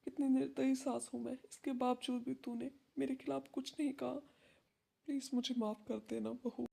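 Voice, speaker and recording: Brief: woman voicing a middle-aged mother-in-law, gravelly and raspy, harsh temper, short home-made drama. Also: sits high, level tone, normal speed, dark tone, heavily acted. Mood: remorseful. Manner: scolding, blunt.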